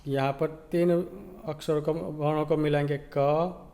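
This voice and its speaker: A man with a Gujarati accent teaching young children, slowly sounding out letters one by one and checking in with "ठीक है". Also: on the high side, fairly even intonation, warm tone. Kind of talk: slow, patient children's lesson.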